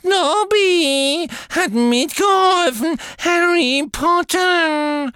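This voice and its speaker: A squeaky, eager little house-elf. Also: male voice, sharp tone, heavily acted. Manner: talks of himself by name, slow and emphatic. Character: small male house-elf, eager, loyal, excitable.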